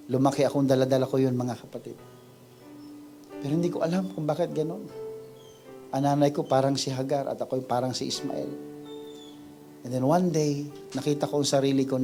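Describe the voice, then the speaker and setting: A man preaching an emotional sermon in a church, building from quiet reflection to loud, drawn-out cries. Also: medium pitch. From Philippines. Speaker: pastor. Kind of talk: impassioned sermon mixing Tagalog and English. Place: church service before a congregation.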